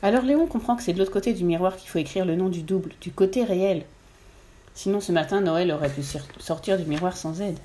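A woman reading a children's story aloud in a lively storytelling voice. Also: a little fast. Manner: lively, voices the characters' lines with raised pitch.

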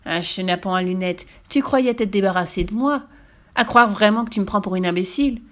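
In a children's storybook reading, a woman voices a vain, furious old witch with theatrical, shrill, drawn-out gloating. Her delivery is a bit bright and lightly acted, with a menacing mood.

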